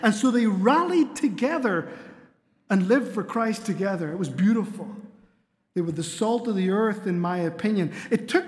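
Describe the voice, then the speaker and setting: A man's voice: high-pitched, lively intonation, normal speed. A middle-aged man, preaching a sermon with earnest storytelling and light humor. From Spain. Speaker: pastor. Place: church sanctuary. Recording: long hall reverb in a church.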